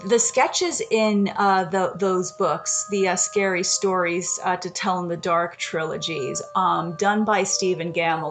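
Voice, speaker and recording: A woman in her thirties or forties hosting a podcast, telling a childhood story in a slow, reflective, meandering way. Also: fairly low pitch. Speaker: podcast host. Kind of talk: casual storytelling monologue.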